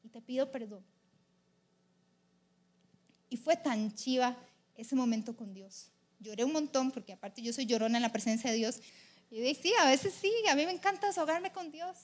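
A young woman preaching a sermon in an animated, confessional way. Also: high-pitched, a little fast. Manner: animated and confessional, shifting between loud and hushed.

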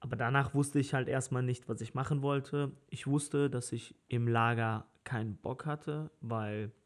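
A man in his thirties, a party organizer, chats casually on a podcast in a medium-pitched voice with fairly even intonation. He's unhurried and easygoing, laughing often and using lots of filler words.

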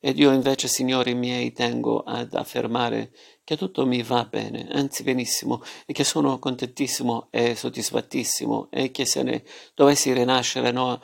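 A man reading as a smug jovial gentleman. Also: mid-range voice, little pitch movement, normal speed, gravelly, hardly any pauses. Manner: hearty, teasing, boastful. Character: jovial smug middle-aged man, falsely good-natured.

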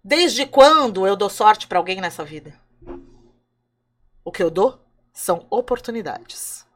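A woman telling a folk tale puts on the Creator as a stern, commanding old god who speaks low and unhurried. He scolds plainly and firmly, with no softness. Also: expressive. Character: stern wise male Creator, blunt and commanding. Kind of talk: oral storytelling.

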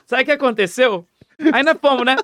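A man telling a story in casual slang, animated and excitable, acting out what others said. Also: very high voice, no room sound, studio quality. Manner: animated, quick and excitable, acts out quotes.

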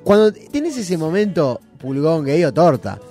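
A man's voice: a little high, big pitch swings, measured pace, warm tone, faint music behind. A man with a Rioplatense Spanish accent hosting a casual radio show, playful and joking with his co-hosts. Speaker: radio host.

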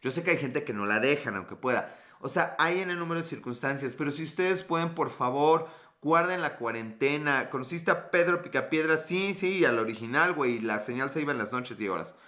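Mexican man in his thirties, live-stream host, bright and slightly high voice, cracks profane jokes. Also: expressive, brisk. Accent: Mexican Spanish. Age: 30s. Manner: joking, profane, reads out chat comments. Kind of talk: casual live-stream chat.

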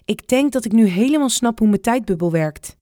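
A woman's voice: fairly high pitch, expressive, fairly quick, dark tone, no echo, studio quality, voice pushed up, lightly acted. A woman voicing a cheerful, joking old grandfather in a read-aloud children's storybook. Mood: excited.

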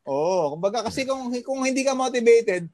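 A man's voice: extremely high pitch, expressive, normal speed, crowd noise. A man from the Philippines, a fitness trainer working abroad, chatting casually as a podcast guest in a motivational way, full of fillers and tag questions.

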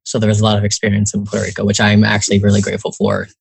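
A young adult man from New Jersey talks very fast and monotone, his fairly low voice husky with vocal fry. As a guest author in a casual interview, he chats with many fillers and acts out quotes.

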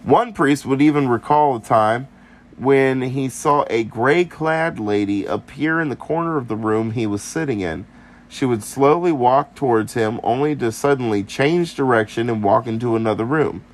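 At a normal speed and in a mid-range voice, a man co-hosting a podcast retells a ghost story casually. He gets playful, dropping into silly voices whenever he quotes the people involved.

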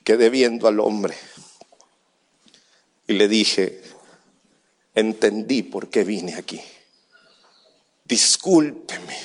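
A pastor preaches a sermon, telling a story in a hushed voice before shouting his appeals to the church. His voice is lowish and husky.

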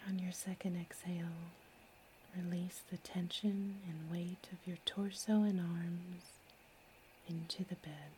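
A woman host whispering a calm, slow sleep story, close to the mic. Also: lowish voice, slight background noise, poor audio.

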